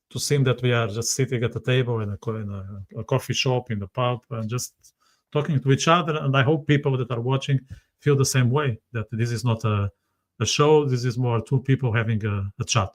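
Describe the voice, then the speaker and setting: A man with an average-pitched voice hosts a casual conversational interview. He feels his way through sentences haltingly, often repeating words and phrases. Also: steady tone. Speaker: podcast host.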